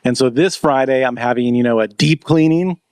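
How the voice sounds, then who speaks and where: A man's voice: mid-range voice, fairly quick, a little mellow, dry recording. Joking male podcast host, dry close sound. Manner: joking, teasing, profane. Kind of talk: casual chat, storytelling.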